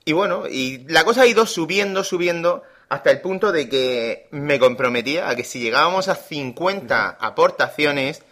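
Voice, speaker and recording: Bright-voiced Spanish podcast co-host. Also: male voice, fairly high pitch, normal speed, hardly any pauses. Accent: Spain. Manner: animated storyteller, blunt and frank. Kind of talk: casual podcast chat.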